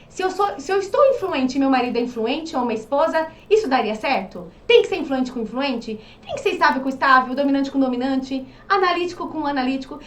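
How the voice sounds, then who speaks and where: High-voiced woman teaching in an echoey room. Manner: animated, rhetorical questions, acts out quoted voices. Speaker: behavioral profile coach. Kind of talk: casual teaching monologue. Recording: echoey room, mic at a distance.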